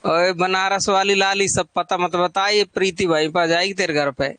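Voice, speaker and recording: Man, Hindi literature teacher, high voice, chatty and teasing, drills lists aloud, dry close sound. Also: steady tone, moderate pace, bright, forceful tone, no room sound. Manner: chatty, teases students by name between repeated lists. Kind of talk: live online exam-prep class.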